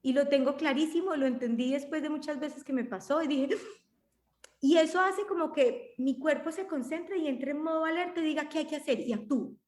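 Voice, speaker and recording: A talkative Colombian woman in her forties co-hosts a podcast, reflecting in casual conversation full of restarts. Her voice is high-pitched and darkish in tone, fairly quick, and the recording has a roomy echo.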